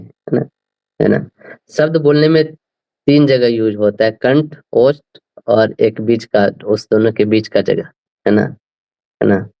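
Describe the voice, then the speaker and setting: A man explaining scripture to a class, slowly working through speech sounds and often asking his listeners whether they follow. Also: medium pitch, dark tone, low-quality recording. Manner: slow, repeats "right?" often, spells out sounds. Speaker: scripture teacher.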